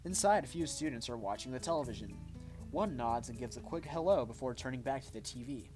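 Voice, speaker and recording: A man's voice: mid-range voice, expressive, fairly quick, music in the background. A man reading game text aloud on a stream, in a mid-range voice. His reading is casual, and he corrects his own slips as he goes. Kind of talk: reading a visual novel aloud.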